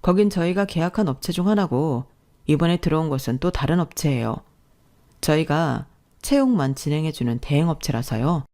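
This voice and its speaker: Narrator as a matter-of-fact woman recruiter, low, mellow voice, story reading. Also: moderate pace. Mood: businesslike.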